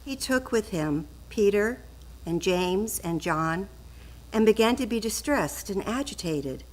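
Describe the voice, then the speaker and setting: A woman's voice: medium pitch, expressive, measured pace, rough recording. A woman reading the gospel formally at a church service. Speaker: scripture reader at a Good Friday service.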